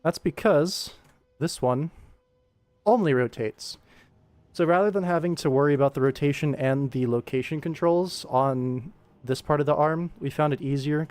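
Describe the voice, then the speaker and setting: This animator and livestream host has a mid-range, darkish voice. Running a casual animation work stream, he addresses viewers informally, explaining his work and narrating his actions with sound-effect words.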